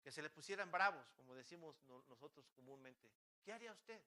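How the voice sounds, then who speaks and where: Fervent high-voiced man preaching. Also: expressive, a little fast, bright, forceful tone. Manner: fervent, rhetorical questions, frequent restarts. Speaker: pastor. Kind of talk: sermon. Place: church.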